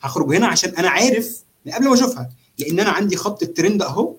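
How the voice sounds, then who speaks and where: An Egyptian-accented man talks at a very rapid clip in a slightly high voice. He casually walks through a trading exercise, explaining with animation and checking in with his listener as he goes. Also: expressive. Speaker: trader demonstrating chart analysis. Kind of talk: casual live walkthrough of a trading simulation.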